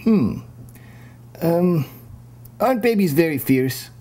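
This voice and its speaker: A woman's voice: fairly low pitch, expressive, takes it slowly, mellow. A woman voicing a meek, skeptical sock puppet creature in a comic puppet show, speaking in a hesitant, prim, questioning way. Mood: nervous.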